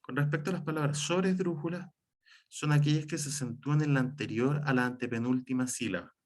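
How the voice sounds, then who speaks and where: A man teaching a class, explaining each rule slowly with example words and frequent fillers. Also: mid-range voice. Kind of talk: classroom lecture on writing and spelling.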